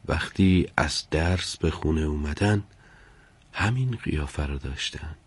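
A man's voice: low-pitched, breathy edge. A man voicing an anxious middle-aged male servant who mutters his worries to himself in a storybook reading.

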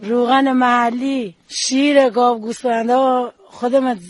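Village dairy producer, woman, high pitch, plain and proud, casual interview. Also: little pitch movement.

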